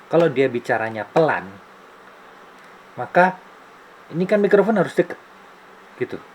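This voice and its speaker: A YouTuber in his late forties reviews his camera gear in a casual indoor vlog, chatty and demonstrative, thinking aloud with fillers. His high-ish voice is very animated at normal speed, picked up by a close camera-mounted mic in a low-quality recording with slight background noise.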